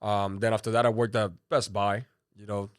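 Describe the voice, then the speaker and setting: A man's voice: fairly low pitch, level tone, moderate pace, clear, resonant tone, dry recording, clean studio sound. A man in his thirties, born in Cuba with Spanish as his first language, talking casually as a podcast guest and rambling with many fillers. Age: 30s. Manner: rambling, lots of "you know" and "like". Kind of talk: casual interview talk.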